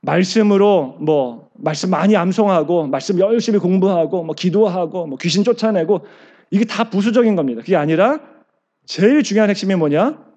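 A man's voice: high-pitched, moderate pace, darkish tone, highs cut off. A male pastor preaching a sermon, asking the congregation questions and answering them himself, and acting out quoted lines.

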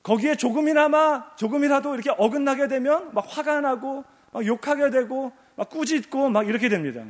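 A man's voice: very high-pitched, lively intonation, brisk, hardly any pauses, big-room sound. A male pastor preaching a sermon, emphatic and repetitive, asking rhetorical questions, in a church sanctuary.

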